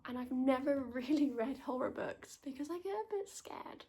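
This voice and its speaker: A woman talking softly in a hushed, partly whispered library ASMR style, chatting about books as a reviewer. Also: high-pitched, lively intonation, moderate pace. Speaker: book reviewer. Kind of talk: whispered ASMR book recommendations.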